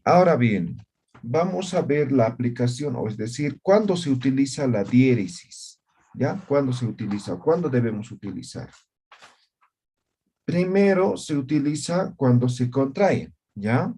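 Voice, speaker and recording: Male teacher, unhurried and husky, video-call class, keeps asking "right?". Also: mid-range voice, lively intonation, warm tone. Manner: checks in with "¿ya?" and "¿no?" often. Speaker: Aymara language teacher. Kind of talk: online class explanation.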